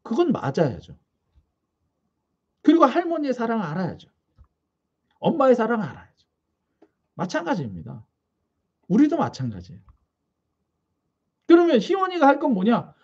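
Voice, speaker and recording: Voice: medium pitch, wildly swooping pitch, normal speed, long pauses, slightly rough. A pastor preaching a sermon in a small church, talking conversationally and putting questions to the congregation. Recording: dull lo-fi recording.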